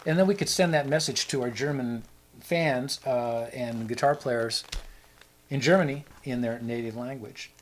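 A man's voice: medium pitch, normal speed, a little hiss or hum, rough recording. A man co-hosting a casual chat show, rambling and joking as he talks. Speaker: show co-host.

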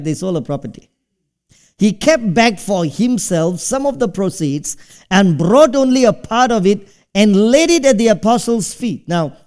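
A middle-aged Singaporean pastor with a high, slightly mellow voice preaches from a church stage. His style is conversational, and he puts questions to the congregation.

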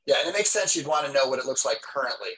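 A man's voice: mid-range voice, lively intonation, racing, a bit bright, slight background noise, poor audio. A middle-aged man on a headset asking agreeable follow-up questions in a video call interview.

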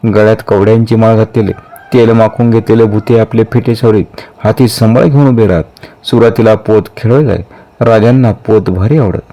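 Man, audiobook narrator, historical novel, measured delivery, deep mellow voice. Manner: measured, steady storytelling. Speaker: storyteller reading a novel aloud.

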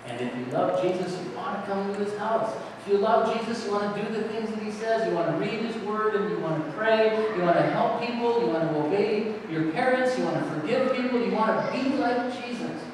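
A middle-aged man, a pastor, giving a children's sermon with gentle questions to children seated around him. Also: high-pitched, animated, a little fast, few pauses, background noise. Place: large church sanctuary, indoors. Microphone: distant camera. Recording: echoey church hall from far off.

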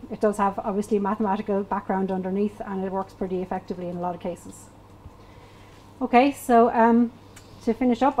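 A woman's voice: mid-range voice, rough recording. A woman in her thirties giving a technical talk at a meetup, explaining step by step with frequent "um"s. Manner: explanatory, steady, with frequent fillers. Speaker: meetup speaker. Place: small event space with wooden walls.

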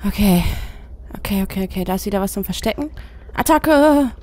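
A woman's voice: medium pitch, steady tone, quick pace, warm tone. A young woman playing a horror game and commenting, often scared and pleading with the game. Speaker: let's play gamer.

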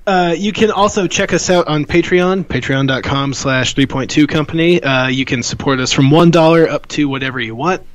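A man's voice: a little high, normal speed, few pauses, dry recording. A man co-hosting a casual gaming podcast, a little hesitant, reading out the support plugs. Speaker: podcast co-host.

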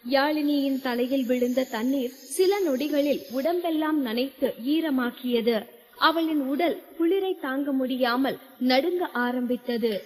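High-voiced woman narrating a novel. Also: a little slow, a little mellow. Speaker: audiobook narrator. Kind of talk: scripted narration. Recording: long hall reverb.

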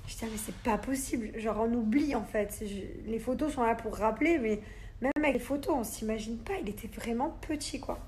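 A woman talks straight into her phone, a young mother rambling through casual chat with plenty of filler words. Her voice sits a little high. A faint hiss runs behind her. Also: fairly quick, darkish tone. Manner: chatty, rambling, lots of fillers.

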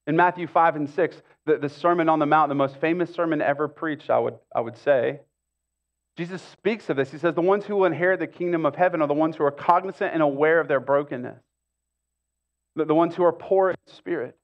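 A middle-aged American pastor delivers a conversational sermon from a church auditorium stage, his voice fairly high and fairly quick. The recording has its highs cut off. He keeps it casual, tossing in rhetorical asides and repeating phrases for emphasis.

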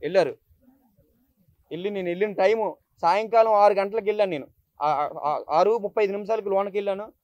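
Agitated fast-talking young man. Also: sits high, darkish tone, no echo. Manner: agitated, repeats himself, tearful recounting. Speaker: YouTuber speaking at a press meet. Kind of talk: emotional first-person account to the press. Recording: dull lo-fi dry recording.

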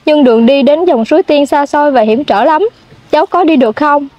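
A young woman voicing a kind fairy who speaks softly, as in a storybook. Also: high-pitched, fairly quick, dry recording, lightly acted. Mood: gentle. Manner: soft storybook telling. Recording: dull lo-fi sound.

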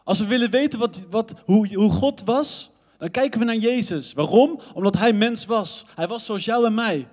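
A young man, a youth pastor with a Dutch accent, preaching a lively sermon with playful asides to the audience. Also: high voice, moderate pace, few pauses. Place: church hall. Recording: long reverb of a church hall.

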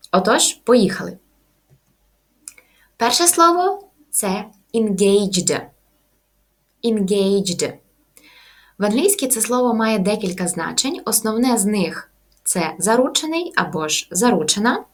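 Slightly high-voiced woman teaching English. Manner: slow, careful pronunciation of example words. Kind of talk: language lesson.

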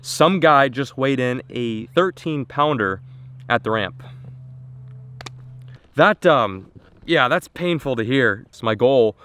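A man's voice: medium pitch, lively intonation, slow pace, pauses often, fairly bright tone, clear, resonant tone. A young man vlogging to an action camera from a small boat on a lake, upbeat and self-mocking as he thinks aloud. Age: young adult. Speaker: fishing vlogger. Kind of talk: casual vlog to camera.

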